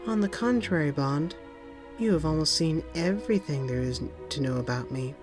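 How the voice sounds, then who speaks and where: A man voicing a flirtatious female spy who speaks softly and coyly. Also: low voice, lively intonation, moderate pace, music in the background, pitched above the performer's own voice. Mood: flirty. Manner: flirty, soft.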